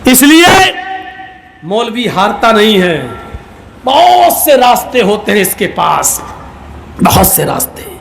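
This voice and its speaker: A male preacher tells comic stories in his sermon with a very high voice. He speaks in an animated way and climbs into shouting, with faint ambient noise in the background. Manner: animated storytelling, rising to shouts.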